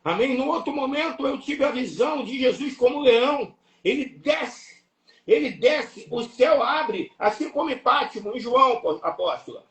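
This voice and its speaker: A man with a Brazilian Portuguese accent preaching an impassioned sermon, emphatic and repetitive, breaking into shouts. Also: very high-pitched, lively intonation, normal speed. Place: church or live stream hall. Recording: echoey room, voice from far off.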